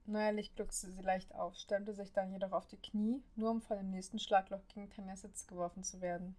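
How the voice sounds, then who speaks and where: Woman narrating a story in a flat voice. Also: medium pitch, moderate pace. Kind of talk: audiobook narration of an amateur story.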